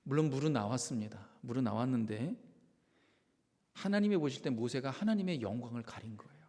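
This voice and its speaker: A Korean pastor preaching a Sunday sermon, lively and expressive, acting out quoted voices and sometimes dropping to a whisper. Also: male voice, mid-range voice, fairly quick. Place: church sanctuary. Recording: long hall reverb of a church sanctuary.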